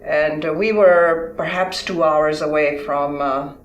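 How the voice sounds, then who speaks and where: A woman in her sixties, born in Tanzania, answering interview questions in a thoughtful, halting way with many fillers. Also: low-pitched, steady tone, echoey room, slight background noise, low-quality recording. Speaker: interview guest, physician. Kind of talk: conversational interview.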